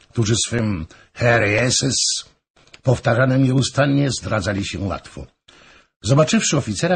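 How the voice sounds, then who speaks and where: A male audiobook narrator giving an expressive, measured scripted reading of a historical novel. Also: mid-range voice.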